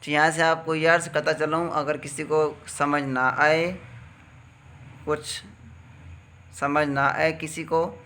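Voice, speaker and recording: Man, Pakistani Urdu accent, patient Quran reading teacher, drawn-out letter sounds, slightly high voice. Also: little pitch movement, sharp tone. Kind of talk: slow step-by-step recitation lesson.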